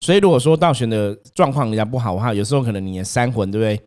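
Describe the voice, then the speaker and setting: A young man, hosting a casual chat and telling his own ghost story in an animated way, acting out the voices in it. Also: racing. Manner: animated, acts out quotes, rises in pitch when scared.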